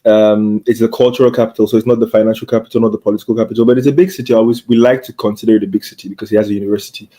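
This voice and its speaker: A man's voice: fairly low pitch, level tone, rapid-fire, hardly any pauses, dark tone. A young man from Cameroon, a medical doctor, telling his story in an earnest, reflective way as an interview guest. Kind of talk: casual interview chat.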